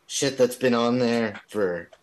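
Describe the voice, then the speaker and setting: Podcast dude chatting, offhand, swears a bit. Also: male voice, mid-range voice, slow pace. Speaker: podcast co-host. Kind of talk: casual chat.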